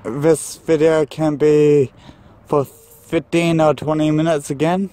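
Outdoors near a tunnel and a field, a man films a ghost-hunting vlog, talking nervously to his handheld camera and letting out jumpy exclamations. His voice is fairly high, level in tone, slow, and mellow.

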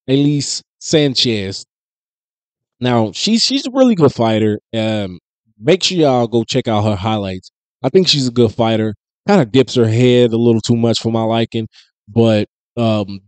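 A man in his thirties hosting a casual sports commentary show, talking in a conversational, animated way with frequent fillers and restarts, into a studio microphone in a small home studio. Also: medium pitch, dry recording. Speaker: host. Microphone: studio mic on boom close to mouth.

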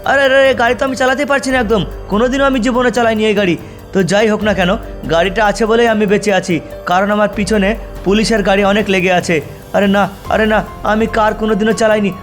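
A man's voice: sits high, close to an everyday voice. A man voicing a goofy male zombie who fumbles a car in a game video. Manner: panicky, giggling. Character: goofy male zombie, a clumsy first-time driver.

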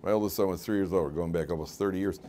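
A man's voice: sits low, steady tone, racing, mellow. A man, a rabbi giving a weekly Torah class as an informal lecture full of stories, repeating words and laughing at his own tales.

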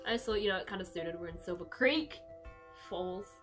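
A woman co-hosting a let's-play, chatting casually in a giggly, excitable and playful way. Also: medium pitch, a little fast, music in the background. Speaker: gaming channel co-host.

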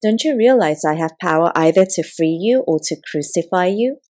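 A woman reading the lines of a stern male Roman governor in an audiobook, in a low, mellow voice. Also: expressive, normal speed. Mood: questioning.

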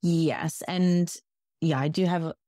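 A woman's voice: low voice, takes it slowly, no room sound, clean studio sound. A woman guest on a podcast, telling stories in a casual chat and acting out what people said. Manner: animated, acts out quoted voices.

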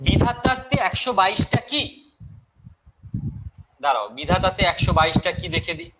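A man's voice: sits high, big pitch swings, normal speed, background noise. A young man with a Bengali accent teaching a live online exam-prep class, chatty and mixing in English terms while answering viewers' questions.

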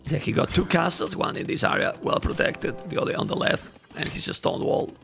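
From a home streaming room, an animated man with a Spanish accent casts a game live, talking to chat and repeating phrases. His voice is a little high, brisk, and creaky, and he is losing it; faint game music plays behind him.

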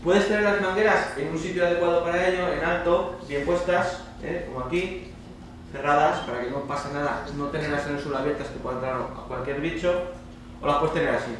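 A man from Spain stands on stage in an indoor lecture hall, speaking at a student congress in a fairly high, briskly paced voice with fairly even intonation. His informal talk is colloquial and emphatic, often punctuated by short tag questions. The roomy recording comes from a distant mic with faint noise.

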